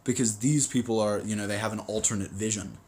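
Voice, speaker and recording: A man's voice: lowish voice, steady tone, quick pace, darkish tone. A man hosting a casual livestream, rambling and reading viewer comments aloud, with many fillers and restarts, recorded on a phone. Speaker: livestream host.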